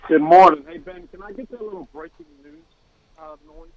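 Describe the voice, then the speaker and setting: A man's voice: sits high, brisk, a bit bright. A man calling in to a radio sports show, holding his phone away from his mouth so he sounds faint and muffled. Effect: phone held away from the mouth, faint and muffled. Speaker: caller. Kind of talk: casual sports radio call-in chat. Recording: dull lo-fi phone line.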